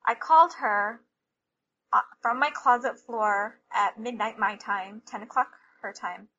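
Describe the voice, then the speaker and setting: A woman guest on an interview show, candidly telling a personal story in an emotional, halting way. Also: a little high, sharp tone. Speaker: podcast guest. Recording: slightly dull lo-fi recording with faint hiss.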